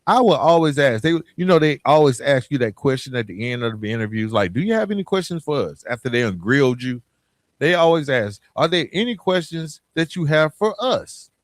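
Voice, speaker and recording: In studio-quality sound with no echo, a middle-aged American podcast host delivers a motivational solo talk in a fairly high, animated voice at a brisk clip. He speaks colloquially and directly to his audience, repeating points emphatically and posing rhetorical questions.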